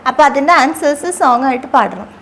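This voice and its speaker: A woman's voice: high voice, lively intonation, fast, a bit bright, slight background noise. A woman hosting an interview, asking chatty, upbeat questions in a casual conversation. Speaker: interview host.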